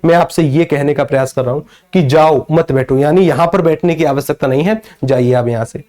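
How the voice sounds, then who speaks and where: Male teacher from northern India, high voice, live online class, repeats points and answers his own questions. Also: a little fast, dark tone. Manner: greets and answers viewers by name. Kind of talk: live online grammar lecture.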